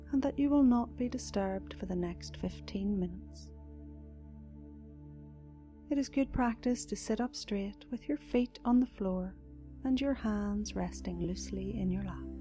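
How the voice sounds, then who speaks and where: Soft, slow woman guiding a meditation. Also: medium pitch, faint music behind. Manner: soft, slow, soothing, partly breathy. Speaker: meditation guide. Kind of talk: scripted guided meditation.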